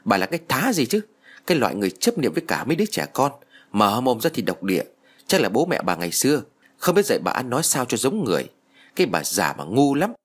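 A man voicing a furious young mother who shouts threats at an old woman. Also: mid-range voice, very animated, fast, slightly rough. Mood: threatening.

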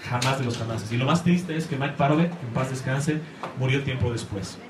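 A man's voice: mid-range voice, a little fast. A man giving an enthusiastic talk about comics to a live audience, rambling and searching for words. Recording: echoey room, faint noise.

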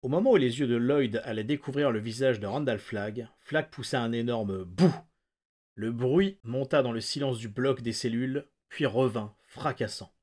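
A man's voice: medium pitch, moderate pace, hardly any pauses, a little mellow. Man reading a novel aloud. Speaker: podcast host reading a novel excerpt.

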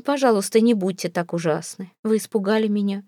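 A woman's voice: medium pitch, brisk, dark tone, no room sound, studio quality, lightly acted. A woman reading as a fretful old mother-in-law. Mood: plaintive. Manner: plaintive, sighing, fluttering. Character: feeble, tearful older mother-in-law, fussy and fretful. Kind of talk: audiobook character reading.

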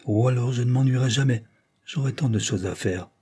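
A man voicing a timid, gentle young noble wife who speaks softly and apologetically. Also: medium pitch, brisk, slightly rough. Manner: soft and apologetic.

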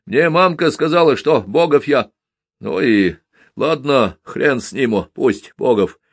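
A man's voice: animated, slow, slightly rough, no echo, clean studio sound, heavily acted. A man reading aloud and voicing a seven-year-old orphan boy who wails and taunts. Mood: boastful. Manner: shrill, wailing, taunting.

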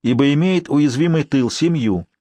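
A man's voice: normal speed, warm tone, no room sound. Man reading a historical novel aloud. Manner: reads evenly, raises pitch and volume for characters' outbursts. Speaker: audiobook narrator. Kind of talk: scripted narration of a historical novel.

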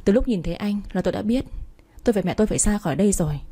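A woman's voice: medium pitch, animated, racing, warm tone, a little hiss or hum, close to an everyday voice. A woman reading the lines of a young man who sighs and apologizes in a spoken story. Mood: resigned. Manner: sighing, apologetic.

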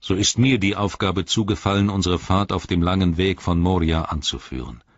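A man reading as a grieving, solemn royal ranger in a measured, low voice. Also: no room sound, muffled recording. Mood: grave. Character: grieving grave royal ranger, male, adult.

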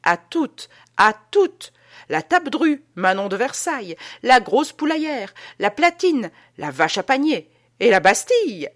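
A woman's voice: on the high side, big pitch swings, a little slow, pitched above the performer's own voice. Woman voicing a bellowing, exalted drunken man. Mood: forceful. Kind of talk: audiobook character voice.

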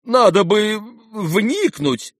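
A man's voice: medium pitch, big pitch swings, measured pace, a bit bright, dry recording, studio quality, exaggerated voice. A man voicing a flustered middle-aged general and father in an audiobook who stammers and pleads.

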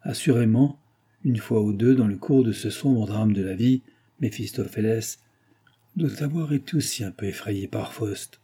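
A man narrating a classic novel as an audiobook in a steady, measured reading. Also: lowish voice, breathy edge. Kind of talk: reading a 19th-century novel aloud.

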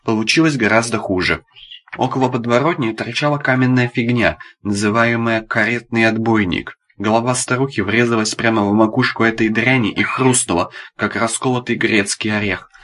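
A man reading an audiobook aloud, narrating in a darkly ironic, deadpan storytelling manner. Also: mid-range voice, normal speed. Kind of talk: scripted narration.

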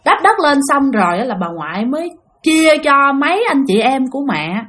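A woman's voice: sits high, very animated, normal speed, fairly bright tone. Southern Vietnamese woman telling ghost stories. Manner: conversational, addresses listeners directly. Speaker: storyteller. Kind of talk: spoken ghost-story narration.

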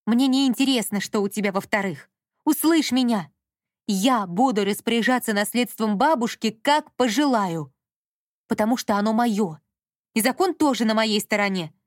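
A woman's voice: high voice, moderate pace, no echo, pitched above the performer's own voice, close to an everyday voice. A woman voicing a defiant twenty-one-year-old woman who raises her voice and pushes back, in a dry audiobook reading. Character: defiant young woman of 21, fed up.

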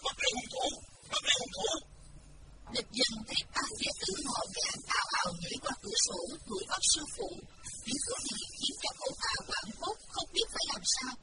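A man reads a martial arts novel aloud as a dramatic storyteller. His voice sits very high and swings widely in pitch. It sounds far from the mic, with loud background noise and a distant, thin presence. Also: wildly swooping pitch, fast talker. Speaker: audiobook narrator.

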